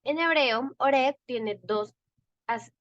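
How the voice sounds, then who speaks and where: A woman's voice: high-pitched, slow, muffled recording. A woman reading study notes aloud in a Bible class, now and then tripping over a word. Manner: reads steadily, sometimes stumbles on words.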